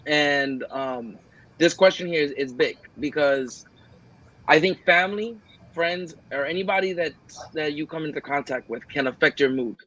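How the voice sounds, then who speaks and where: A man with a fairly high, slightly bright voice talks at normal speed, co-hosting a casual podcast chat. Earnest and rambling, he acts out his own quoted lines, captured on lo-fi sound.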